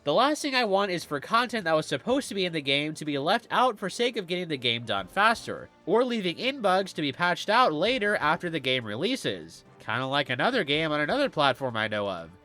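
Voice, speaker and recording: Guy with a stuffed up cold doing scripted gaming commentary, sounds like he's pinching his nose, kinda high and bright, music behind. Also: very animated, brisk, hardly any pauses. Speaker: video game commentator.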